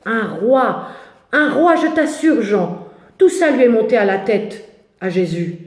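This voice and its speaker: A woman's voice: on the high side, lively intonation, a little slow, darkish tone. A woman voicing an anxious, indignant male disciple who grumbles and exclaims in a dramatic biblical story. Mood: scornful complaining. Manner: agitated, complaining, exclamatory. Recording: echoey, roomy sound.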